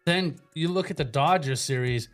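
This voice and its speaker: A man hosting a sports show, chatting casually and slangily like an excited fan. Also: on the high side, normal speed, soft background music. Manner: slangy, enthusiastic fan talk. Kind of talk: casual sports banter and commentary.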